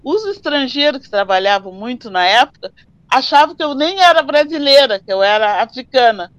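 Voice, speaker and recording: An older woman, who tells her memories as lively stories in an interview. The sound is dry and a little dull, with no room around her. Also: high-pitched, moderate pace, dry recording. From southern Brazil. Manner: animated storyteller who acts out dialogues. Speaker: interviewee recalling her working life. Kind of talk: oral history interview. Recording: slightly dull, dry recording.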